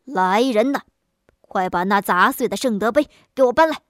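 A woman voicing a pompous, corrupt male county magistrate who shouts his orders in a storytelling recording. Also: mid-range voice, a little slow, no echo, studio quality. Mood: angry bellowing. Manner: loud bellowing shouts.

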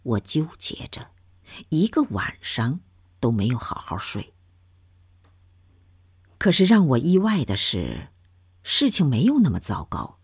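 A woman narrating a memoir story in a soft, hushed manner, often dropping to a whisper. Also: a bass voice, wildly swooping pitch, a little slow, pauses often, slightly rough, no room sound, studio quality.

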